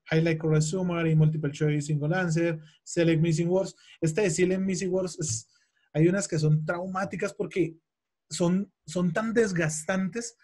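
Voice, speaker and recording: High-voiced emphatic male tutor. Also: darkish tone, slightly rough. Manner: emphatic, repeats key points, quizzes the audience. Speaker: English exam tutor. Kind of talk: webinar lesson.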